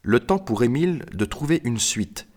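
A man narrating a storybook expressively, swinging high for the characters' lines. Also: big pitch swings, normal speed, a little mellow. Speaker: audiobook narrator. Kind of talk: scripted narration. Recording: reverberant room.

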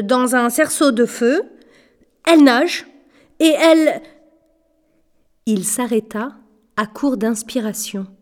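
A woman narrating a storybook aloud in a slow, measured way, lightly voicing the characters. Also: medium pitch, mellow. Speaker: audiobook narrator. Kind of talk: scripted narration.

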